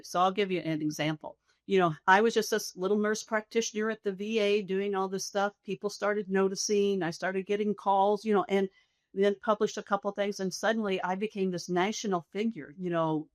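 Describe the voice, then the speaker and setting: A woman's voice: on the low side, no room sound. A middle-aged woman, a nurse being interviewed, explaining things in an earnest, reflective, instructive way. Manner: earnest, instructive, illustrates with quoted self-talk. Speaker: hospice nurse practitioner, author and guest.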